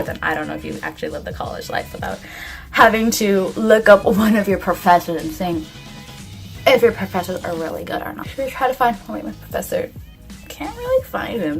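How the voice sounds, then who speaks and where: A woman's voice: medium pitch, creaky. Young female vlogger, casual to-camera chat, sassy and gushing, music bed underneath. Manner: chatty, gushing, sassy storytelling with frequent "like". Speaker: beauty vlogger. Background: background music.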